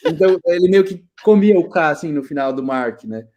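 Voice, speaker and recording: Brazilian man, 30s, fairly high voice, animated slangy storyteller, video call. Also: brisk, lo-fi sound. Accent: Brazilian Portuguese. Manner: lively storyteller, slangy, laughs often. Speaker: guest, IT specialist. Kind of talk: casual interview chat.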